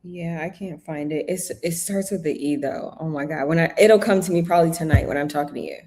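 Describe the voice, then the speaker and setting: A woman's voice: sits low, brisk, a little mellow. A woman guest in a casual live chat, chatty, often restarting her sentences. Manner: chatty, trailing restarts, exclaims oh my God.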